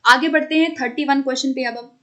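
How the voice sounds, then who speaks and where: A woman's voice: high-pitched, steady tone, quick pace, sharp tone. A woman teaching an online exam-prep class, explaining step by step, checking again and again that students follow, and mixing English terms into her talk.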